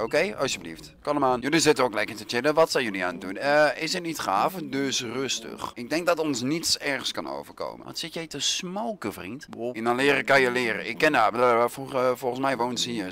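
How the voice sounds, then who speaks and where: Animated Dutch gamer, playful banter. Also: male voice, medium pitch. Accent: Netherlands Dutch. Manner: playful, jokey, sprinkles in English phrases and swearing. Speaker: gaming channel host. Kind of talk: let's play commentary.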